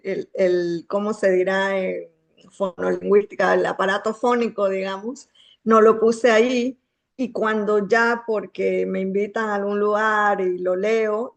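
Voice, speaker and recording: A woman with a Bolivian Spanish accent talks as a guest author. She is reflective and often pauses to search for the right word. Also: mid-range voice. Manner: reflective, searching for words, many filler pauses. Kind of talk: thoughtful conversation.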